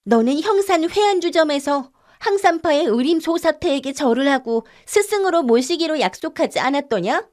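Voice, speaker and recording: A woman reading an audiobook voices a mischievous young girl who teases and shouts commands in a ringing voice. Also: high-pitched, lively intonation, moderate pace, hardly any pauses, pitched above the performer's own voice. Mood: bold shouting. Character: bold mischievous young girl, teasing and sharp-tongued.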